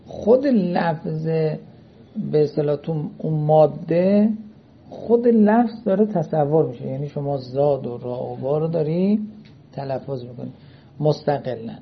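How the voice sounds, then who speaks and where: A man with a slightly high, animated, creaky voice leads a seminary-style lecture, regularly pausing to ask if his students understand. A little hiss or hum runs under the dull, lo-fi recording.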